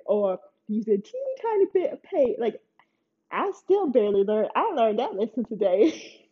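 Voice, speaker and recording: A woman's voice: a little high, slightly rough, highs cut off. A woman chatting casually as she recaps TV shows, laughing often and making playful asides. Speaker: TV recap host. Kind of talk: casual chat.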